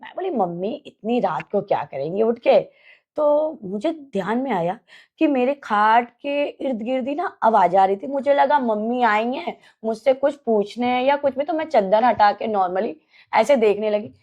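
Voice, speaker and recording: An animated young woman tells a spooky story to her family, acting out each scene as she goes. Her voice sits a little high for a woman, and she talks in a relaxed, chatty way. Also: moderate pace. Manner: animated, acts out scenes and quotes. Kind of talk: casual storytelling of a ghost experience.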